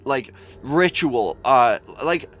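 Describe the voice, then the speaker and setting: A man's voice: mid-range voice, lively intonation, slow, fairly bright tone. Man telling spooky stories over background noise. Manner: informal, mild swearing, frequent "like". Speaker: vlogger telling scary stories. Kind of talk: casual spoken storytelling. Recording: clearly noisy with background ambience.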